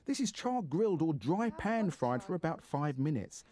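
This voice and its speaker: A man's voice: on the high side, sing-song, moderate pace, mellow. A man presenting a food show, narrating with a playful, theatrical delivery and chatting with guests.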